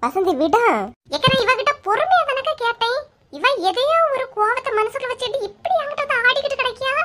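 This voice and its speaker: A woman's voice: extremely high pitch, lively intonation, fast, noisy background. A woman with a Kanyakumari Tamil accent voicing a quarrelsome middle-aged village woman in a comic cartoon, scolding and indignant.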